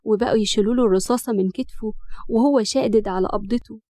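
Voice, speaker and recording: Egyptian woman storyteller, brisk, dry close recording, slightly high voice. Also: warm tone, dry recording. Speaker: story narrator. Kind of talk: scripted narration of a romance story.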